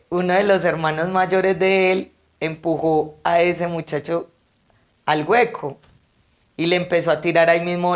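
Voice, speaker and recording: A woman who works at funerals, telling anecdotes in an interview and animatedly acting out the people in them. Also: lowish voice. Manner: animated, acts out quotes. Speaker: funeral service worker.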